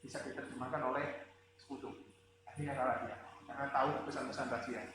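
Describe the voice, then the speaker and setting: In an echoey room with faint ambient noise, a male university lecturer speaks fast in a steady, mid-range voice. His classroom delivery is conversational and wandering, peppered with fillers and rhetorical questions, with a slight tinge.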